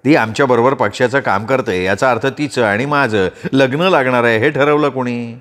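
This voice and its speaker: A man's voice: medium pitch, moderate pace, a bit bright, lightly acted. A man voicing a witty, mischievous young man with political ambitions, in an audiobook story. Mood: joking. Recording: roomy reverb.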